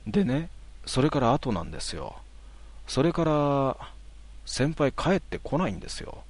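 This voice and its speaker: A man telling a ghost story in a hushed voice, with drawn-out words and dramatic pauses. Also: medium pitch, big pitch swings.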